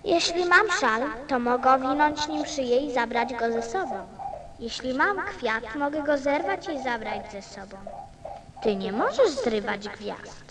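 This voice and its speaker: A woman's voice: high voice, expressive, unhurried, crowd noise. A woman playing an earnest, inquisitive little boy in a radio play, with a childlike manner. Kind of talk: Polish radio play acting.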